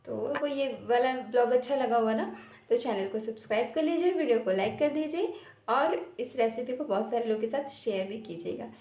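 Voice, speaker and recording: A woman's voice: fairly high pitch, a little fast, a little mellow. A woman vlogger casually telling her viewers a personal story in a chatty way, sprinkling in short filler words. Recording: roomy echo.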